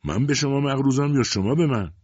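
A man's voice: medium pitch, a little mellow, husky, dry recording, lo-fi sound, pitched above the performer's own voice, lightly acted. A man voicing a young man who pleads earnestly and insistently with his father in an audiobook.

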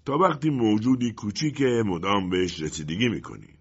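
A man playing a bitter, greedy middle-aged male colonel in a storybook reading, with a husky voice and stern outbursts. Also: medium pitch, lively intonation, fairly bright tone, pitched above the performer's own voice. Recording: dull lo-fi recording.

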